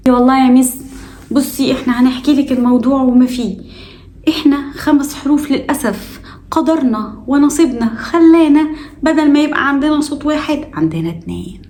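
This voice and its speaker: A woman with an Egyptian Arabic accent voicing a group of mischievous schoolkid letters who talk to their teacher in a rushed, pleading way. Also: high-pitched, a little mellow, a little hiss or hum. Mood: confiding.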